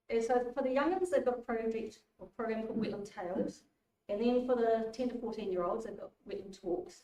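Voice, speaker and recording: A woman's voice: mid-range voice, a little mellow, far from the mic, a little hiss or hum. Chatty New woman lecturing in a hall. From New Zealand. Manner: chatty, informal, lots of fillers and restarts. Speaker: guest speaker. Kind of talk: public lecture. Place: community hall. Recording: echoey hall, voice from afar.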